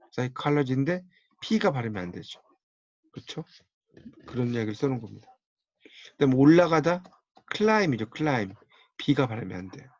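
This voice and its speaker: A man's voice: mid-range voice, a little mellow, no echo, highs cut off. Man lecturing on English pronunciation. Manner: explanatory, repeats key terms, models English words aloud. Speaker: English teacher and book author.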